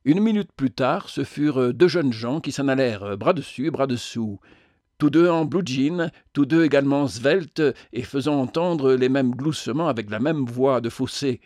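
A man narrating a novel as an audiobook, in a measured reading with occasional hesitations. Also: mid-range voice, a little mellow, no room sound, clean studio sound.

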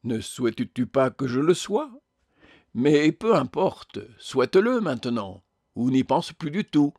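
A man voicing a joyful, serene woman from heaven who speaks gently but insists calmly. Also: mid-range voice, measured pace, no echo, clean studio sound. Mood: gentle. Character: radiant, serene heavenly lady, joyful and firm.

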